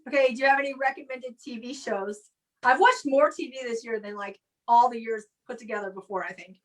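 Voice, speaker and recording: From home over a video call, a woman hosts a casual online comedy chat, rambling along and acting out what people said. Her voice is a little high and fairly quick, and the recording is rough.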